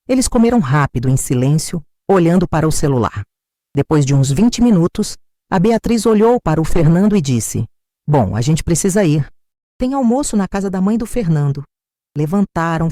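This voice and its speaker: An older woman with a Brazilian Portuguese accent narrating a first-person family story in a measured, bitter, reflective way. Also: on the low side, mellow, dry recording, studio quality.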